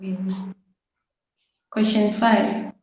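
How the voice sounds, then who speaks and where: Female student, very slow and unsure delivery, heavy room echo, sounds far off. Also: medium pitch, flat delivery, a little mellow, highs cut off, slight background noise. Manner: hesitant, tentative answers with "um". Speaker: student answering quiz questions. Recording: very echoey room sound, distant.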